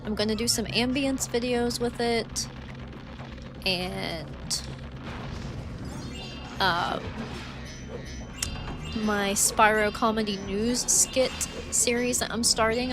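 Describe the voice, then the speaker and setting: Here a woman streams a game, her medium-pitched voice a little slow and broken by long pauses. She rambles chattily, saying "like" and "um" constantly, and her voice sounds dry and tired after so much talking, with game music playing behind.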